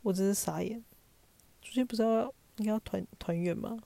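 A woman's voice: mid-range voice, fairly quick, creaky, warm tone, no room sound. A young woman with a Taiwanese Mandarin accent, telling stories in a chatty, self-mocking way as a podcast host. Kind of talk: casual storytelling monologue.

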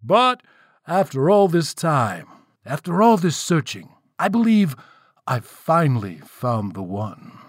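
A man's voice: a little high, very animated, takes it slowly, no room sound, studio quality, pitched above the performer's own voice, exaggerated voice. A man voicing a proud, self-satisfied male king of the spirits in a told story, speaking grandly. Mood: grandly boastful.

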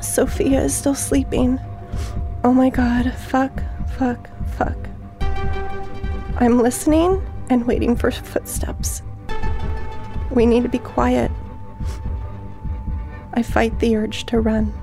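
Slow, gravelly-voiced shaken woman. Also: a little high, fairly even intonation. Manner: halting, shaken, hushed. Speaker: eyewitness interviewee. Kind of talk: reading a personal journal aloud, then interview. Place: her home TV room. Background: music.

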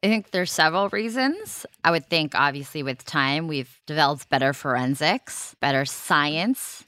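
A woman's voice: low-pitched, lively intonation, normal speed, a bit bright, no room sound. A woman co-hosting a true crime podcast in a conversational style. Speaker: podcast co-host.

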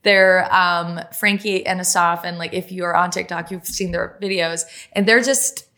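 A French Canadian journalist and author from Quebec, a native French speaker, talks as an interview guest in a chatty, quick manner, filling her sentences with "like." Her voice is lowish, pushed, and bright, with fairly even intonation.

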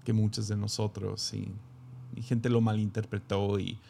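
A man's voice: on the low side, level tone, a little slow, creaky, mellow. A man, a pastor, reading scripture aloud and then musing on it in a reflective sermon, with frequent restarts.

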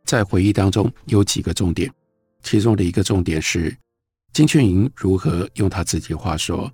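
A man with a Taiwanese Mandarin accent speaking as a public radio host, presenting books in a measured, expressive way. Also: low-pitched, husky, no room sound, soft background music. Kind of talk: public radio host book talk, reading excerpts aloud. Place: radio studio.

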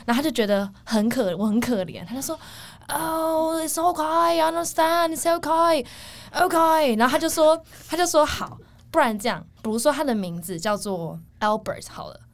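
A woman's voice: sits high, moderate pace. A woman with a Taiwanese Mandarin accent, chatting as a podcast co-host and telling sales stories, laughing often and acting out the people she quotes. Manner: animated, laughs often, acts out quoted callers. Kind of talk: casual chat, storytelling.

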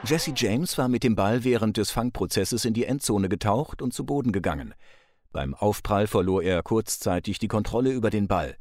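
Guy with a lowish voice narrating a sports doc, dramatic pauses, dead dry studio sound. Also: darkish tone, no echo. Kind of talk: scripted documentary narration. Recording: dry close studio voice-over.

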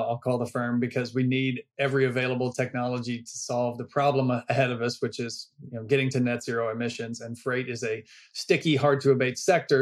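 A man hosting a podcast interview, friendly and conversational. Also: medium pitch. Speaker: podcast host.

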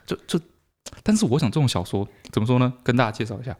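Male podcast host, Taiwanese accent, very fast talker, loose colloquial storytelling with some crude slang. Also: medium pitch, animated. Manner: colloquial, mildly crude, repeats phrases for emphasis. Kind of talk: casual chat, storytelling.

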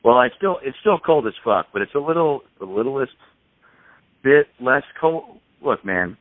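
A man's voice: medium pitch, expressive, normal speed, dry recording. A man hosting a podcast, talking jokily over the phone and laughing easily. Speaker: podcast host. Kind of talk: casual chat. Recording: tinny phone line.

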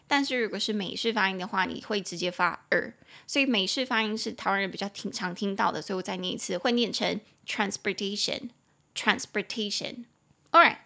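A woman's voice: medium pitch, vocal fry, a bit bright. A young woman with a Taiwanese Mandarin accent hosting a bilingual English lesson podcast, chatty and spelling words out letter by letter.

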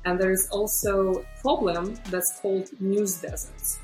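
A woman with a Belarusian accent giving explanatory answers as an interview guest, phrasing things in a measured, deliberate way. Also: mid-range voice, fairly even intonation, darkish tone, soft background music. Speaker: interview guest, startup founder.

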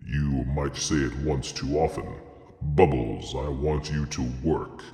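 A man voicing a grand, stern male desert Jinn in a storybook, speaking slowly and weightily in an admonishing way. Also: a bass voice, mellow, pitched below the performer's own voice, full character voice. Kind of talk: storybook character voice. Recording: roomy echo with long reverb.

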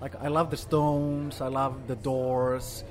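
A man in his forties from Finland, who grew up in Sweden, appears as a guest artist in an interview, speaking casually with frequent fillers. His voice is medium-pitched and level, and he talks slowly with music underneath.

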